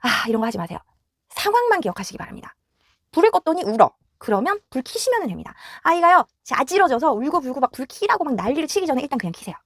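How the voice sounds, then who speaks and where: A woman parenting educator talks straight to parents in a quick, instructive way, breaking into little acted scenes from home life. Her voice sits fairly high and leaps around with lively intonation. The sound is close and dry, with no room around it. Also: no room sound. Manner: direct, instructive. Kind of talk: explanatory talk to parents.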